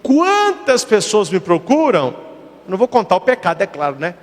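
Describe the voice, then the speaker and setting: A man with a high, very lively voice preaches a sermon as a priest. He tells stories, acts out short exchanges and asks rhetorical questions. His voice rings out with a long hall reverb. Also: normal speed. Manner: storytelling with acted dialogue and rhetorical questions.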